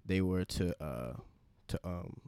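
A man co-hosting a podcast in casual chat, relaxed and halting, often repeating words. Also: sits low, gravelly, clean tone, no room sound. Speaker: podcast co-host.

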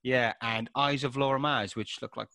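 Bright Welsh man with a dry, close sound. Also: mid-range voice, moderate pace, dry recording. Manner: relaxed, hesitant with ums. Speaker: podcast co-host. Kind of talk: casual film review chat.

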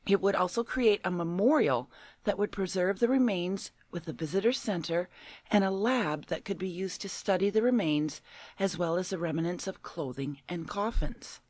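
A woman's voice: lowish voice, moderate pace, a little mellow, no echo. A woman co-hosting a paranormal show, reading a news story aloud and chatting casually in between.

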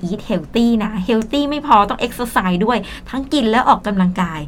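A woman co-hosting a bilingual English lesson show, speaking with a Thai accent in a fairly high voice. She explains each point in Thai, slips in English words and laughs easily. A faint hiss sits under her voice. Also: expressive, a little slow.

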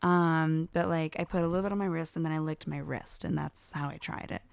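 Gravelly-voiced woman podcast co-host. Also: sits low, fairly even intonation, fairly quick, no echo. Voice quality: gravelly, dark voice, rambling with many fillers. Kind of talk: casual chat.

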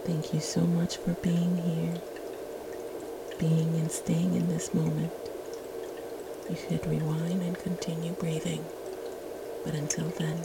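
Woman, soft spa whisper, guided meditation, very slow pace, loud dripping water behind. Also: sits low, monotone, vocal fry, heavy background noise. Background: running and dripping water ambience.

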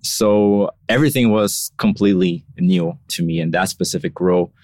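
Low-voiced Brazilian man, relaxed interview guest. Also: moderate pace, no echo, studio quality. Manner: thoughtful, frequent "you know" and "like" fillers. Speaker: podcast guest, marketing lead. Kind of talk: casual interview answers.

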